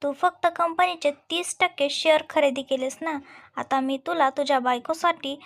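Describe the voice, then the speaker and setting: A gloating storybook villain, cruel and mocking, voiced by a woman reading the tale. The voice sits high, and he taunts with easy, smug scorn. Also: steady tone, moderate pace, creaky, a bit bright.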